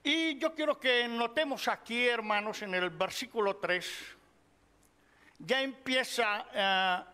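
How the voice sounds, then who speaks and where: Slow high-voiced preacher in a hall. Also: male voice, bright, forceful tone, clear, resonant tone. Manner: slow, measured Bible teaching, addressing listeners as brothers. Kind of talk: sermon. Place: church hall. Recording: long hall reverb.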